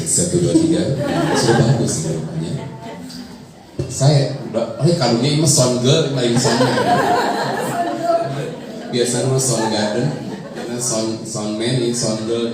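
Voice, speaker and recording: Speaking to an audience in a big, echoing hall, a man from Bandung with a Sundanese accent, a preacher invited as a guest speaker, casually shares humorous tales of his childhood and laughs a lot. He has a mid-range voice. The mic is distant, and the recording carries crowd murmur and background noise.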